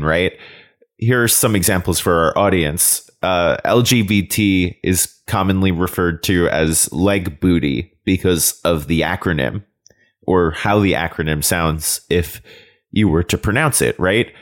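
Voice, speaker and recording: Male co-host, very low voice, steady and informative delivery. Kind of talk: reading examples for the audience.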